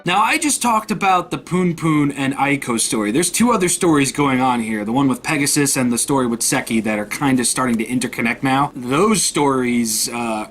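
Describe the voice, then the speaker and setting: A man's voice: medium pitch, fairly bright tone, slight background noise. A man casually reviewing a manga volume, retelling the plot in loose everyday speech and quoting the characters. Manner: casual, recounts plot with quoted lines, swears. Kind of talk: casual spoken book review.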